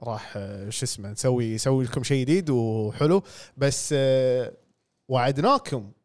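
A man's voice: medium pitch, animated, moderate pace, a little mellow. A man co-hosting a casual podcast chat, laid-back and joking, with hesitant fillers. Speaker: podcast co-host.

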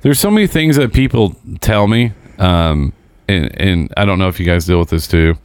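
A man's voice: low voice, lively intonation, normal speed, clear, resonant tone, no echo, studio quality. Blunt, profane man in his forties. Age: 40s. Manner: blunt, profane, self-mocking. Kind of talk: casual chat.

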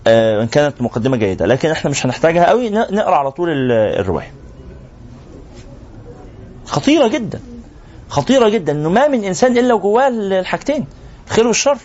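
A man's voice: fairly high pitch, a little mellow. An Egyptian sheikh teaching a live class, firing rhetorical questions at his listeners. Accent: Egyptian Arabic. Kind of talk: religious lesson to a live class. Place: room with a class. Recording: muffled lo-fi recording.

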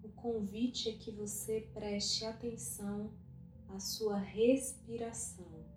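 A woman guiding a meditation, speaking softly and calmly with long pauses. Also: mid-range voice, slight background noise. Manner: slow, soft and calm, with long pauses. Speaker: meditation guide. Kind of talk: guided meditation. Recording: roomy echo with faint music.

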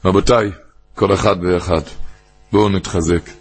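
A man, a rabbi, giving a Torah sermon, rising to loud emphatic peaks and chanting the verses he quotes. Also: low voice, fairly even intonation, breathy edge, soft background music.

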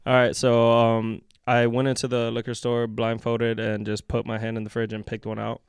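A man's voice: medium pitch, completely flat delivery, moderate pace, clear, resonant tone, no echo. A man co-hosting a podcast in natural, unscripted casual conversation, blunt and teasing, with some swearing. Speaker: podcast co-host.

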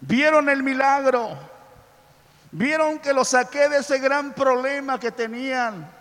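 A pastor preaching with passion, his high voice climbing into loud, fervent cries. A long reverb of a big hall follows every phrase. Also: expressive, slow. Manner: impassioned, building to loud exclamations. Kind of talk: sermon.

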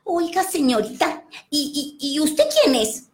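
A woman voicing a small nearsighted schoolboy, telling a children's story with a high, excited, pleading child's voice. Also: unhurried. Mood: astonished.

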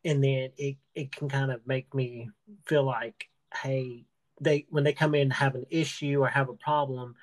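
A man's voice: mid-range voice, flat delivery, moderate pace. Earnest stammering male podcast host. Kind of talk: casual interview talk.

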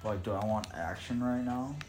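A man's voice: fairly low pitch, normal speed. A young man chatting casually in slangy, profane gamer-bro talk while he plays a video game. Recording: music behind the voice.

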